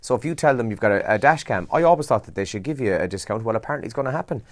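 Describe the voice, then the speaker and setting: A man's voice: medium pitch, animated, very fast, no echo, studio quality. A man with a Kerry Irish accent hosting a breakfast radio show, chatting casually through the morning papers with asides and rhetorical questions. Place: radio studio.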